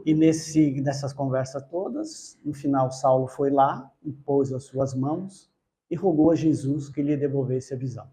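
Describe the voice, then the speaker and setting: A man telling a religious story in a spiritist study talk, unhurried, with occasional self-corrections. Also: mid-range voice, dark tone.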